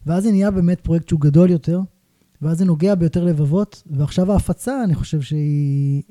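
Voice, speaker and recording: Dark-voiced male podcast host, reflective. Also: fairly high pitch, no echo. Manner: reflective, thinks aloud in long winding sentences. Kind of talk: casual interview conversation.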